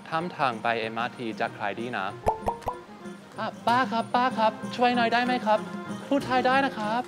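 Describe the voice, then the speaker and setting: A man's voice: extremely high pitch, very animated, fairly quick, over music. A young man speaking foreigner's broken Thai in a comic skit. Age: young adult.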